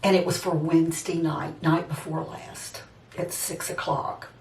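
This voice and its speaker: Deep and darkish in tone, this seventy-six-year-old vlogger's voice stays steady at a measured pace as she chats personally and a bit ramblingly to her viewers, speaking to them directly. A distant microphone picks up roomy echo.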